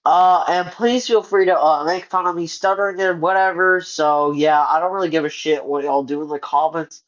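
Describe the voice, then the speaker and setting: A man's voice: fairly high pitch, steady tone, moderate pace, fairly bright tone. A man, a gaming YouTuber, ranting in casual commentary, frustrated, filling his talk with "like" and stumbling over words as he restarts them. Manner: frustrated, heavy on filler words. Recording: muffled lo-fi audio.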